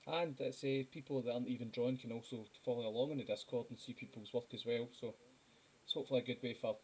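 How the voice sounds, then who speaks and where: Male stream host, middle pitch, laid-back, chatty sign-off. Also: quick pace. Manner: relaxed, rambling, thanking viewers. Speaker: host of a live drawing stream. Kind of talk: casual chat.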